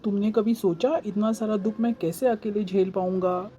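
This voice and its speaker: A woman voicing a grieving, lonely middle-aged father in a cartoon, talking slowly and pleadingly. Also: mid-range voice, fairly even intonation, dark tone, slight background noise, lightly acted. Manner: sorrowful, slow and pleading. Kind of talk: cartoon voice acting.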